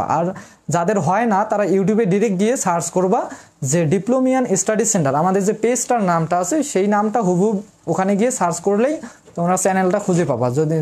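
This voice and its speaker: A woman's voice: mid-range voice, mellow. A woman math tutor, teaching an online lesson in an informal way. She quizzes students, answers her own questions, and repeats the key terms.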